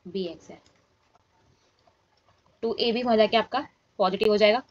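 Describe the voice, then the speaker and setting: A woman's voice: mid-range voice, normal speed, no room sound, dull audio. A woman teaching a maths lesson and explaining each step aloud, often checking in with her students.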